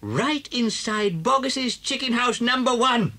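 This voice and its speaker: A man's voice: very high voice, expressive, a little slow, bright, forceful tone, exaggerated voice. A British actor playing a sly, confident, charming father fox in a children's audio story, suave and theatrical, relishing his words. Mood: generous, triumphant.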